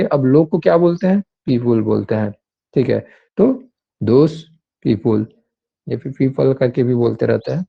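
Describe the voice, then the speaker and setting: A man's voice: medium pitch, vocal fry, muffled recording. A man teaching an English grammar class online, explaining patiently and repeating examples with many fillers.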